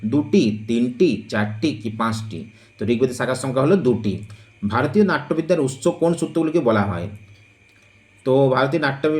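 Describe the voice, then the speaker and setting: A man teaching an exam-prep lesson, reading quiz questions and drawing out each answer option slowly and deliberately. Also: medium pitch. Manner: slow, deliberate, drawn-out listing of options.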